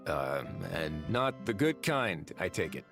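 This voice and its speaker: A low male voice as a composed game warden. He is wry and understated yet lively in inflection, with music playing clearly behind him. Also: slow pace, full character voice. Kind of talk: video game character dialogue. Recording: loud music under the dialogue.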